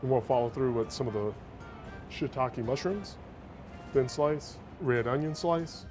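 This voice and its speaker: A man works at a pizza restaurant and walks through making a pie in a steady, plain manner. His voice is mid pitch. Music plays clearly behind him. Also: measured pace. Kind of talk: interview and cooking demonstration.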